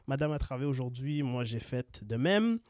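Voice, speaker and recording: Tired québécois podcast host, dry sound. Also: male voice, medium pitch, expressive, moderate pace, a little mellow, dry recording. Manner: joking, stammering, playful boasting. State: tired late at night. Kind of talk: casual chat.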